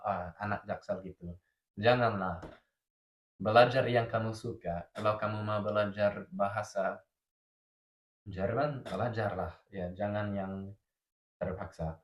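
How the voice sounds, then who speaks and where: A male foreign learner and native English speaker talking in careful, formal, halting Indonesian as a podcast guest, stuffed up with a cold. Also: lowish voice. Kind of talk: casual podcast interview. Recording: roomy echo, slightly dull sound.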